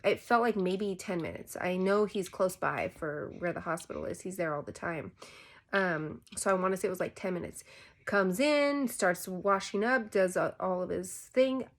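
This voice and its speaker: Chatty young woman with a gravelly edge. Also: lowish voice, normal speed. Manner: chatty, heavy use of "like" fillers. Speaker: vlogger. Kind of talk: casual personal storytelling.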